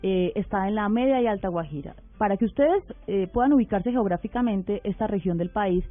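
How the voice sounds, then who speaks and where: A woman hosting a radio talk show, speaking in a measured, deliberate way and asking probing questions. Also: mid-range voice, no echo. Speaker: radio host. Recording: narrow phone-like radio sound with faint music bed.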